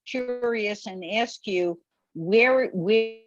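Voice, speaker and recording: A woman at a community board meeting on a video call, her audio glitching and cutting out as she asks a hesitant, halting question. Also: fairly high pitch, dry recording, highs cut off, faint music behind. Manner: hesitant, halting, repeats words. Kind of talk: casual meeting discussion.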